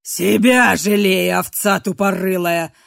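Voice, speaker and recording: A woman voicing a hulking, volatile man who shouts abuse, recorded close and dry. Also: mid-range voice, expressive, a little slow, dry recording. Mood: furious. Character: hulking cruel man, volatile, childish inside.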